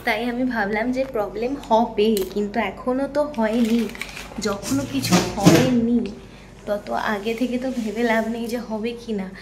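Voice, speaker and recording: A young woman talks through her plans in a rambling vlog monologue, often pausing on fillers. Her voice is a little high. A faint hum of the room sits behind her. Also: steady tone. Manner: rambling, thinks aloud with fillers. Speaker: vlogger.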